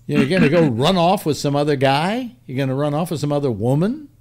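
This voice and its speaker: A man's voice: on the high side, lively intonation, fairly quick, darkish tone. Rambling older man hosting a panel. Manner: rambling, repeats himself, joking. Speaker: host. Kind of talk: casual panel chat.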